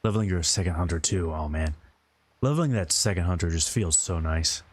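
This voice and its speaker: A man's voice: sits low, expressive, fairly quick, breathy edge. A man talking informally and ramblingly as he hosts a game livestream and answers his viewers' chat. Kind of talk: casual gaming stream commentary, answering viewer chat.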